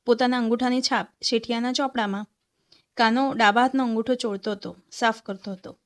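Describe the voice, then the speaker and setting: A woman's voice: fairly high pitch, fairly even intonation, a little fast. A woman storyteller reading a short story aloud and voicing each character's lines.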